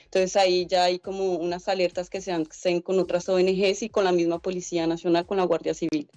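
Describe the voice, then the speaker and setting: A young Colombian woman, head of a migrant organization, answers interview questions as a guest over a laptop webcam video call from a room at home. She is earnest and explanatory, using many "eh" and "pues" fillers, in a lowish, level, slightly mellow voice at a fairly quick pace. The audio is dull, with no echo.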